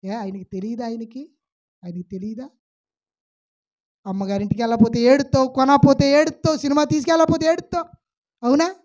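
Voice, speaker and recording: High-voiced woman preaching with fervor. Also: a little fast, long pauses. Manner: animated, swinging between loud calls and quiet asides; asks the congregation rhetorical questions. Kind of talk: sermon. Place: church.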